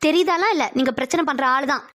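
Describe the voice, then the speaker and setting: A woman voicing a sassy, sharp-tongued young elder sister with quick retorts in a cartoon. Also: high voice. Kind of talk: cartoon voice acting.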